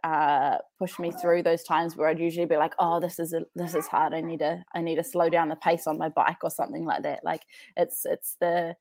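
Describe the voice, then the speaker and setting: In a casual podcast interview, a young New Zealand woman, a CrossFit athlete, talks fairly quickly with hardly any pauses, laughing a lot and restarting her sentences. Her voice sits low with a darkish tone and little pitch movement, and there's no room sound.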